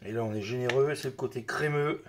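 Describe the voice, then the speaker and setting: With a faint hiss or hum on the recording, a man talks briskly in a mid-range voice while hosting a cooking video. He's got a bit of a cold, and his easygoing commentary is full of small interjections like "hop" and "hein" as kitchenware clatters nearby.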